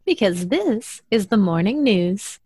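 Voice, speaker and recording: A woman chats casually as a podcast co-host. Her voice is scratchy after intubation, sitting at an ordinary female pitch in a dry recording with little room sound. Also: sing-song, slow, a little mellow, breathy edge, dry recording.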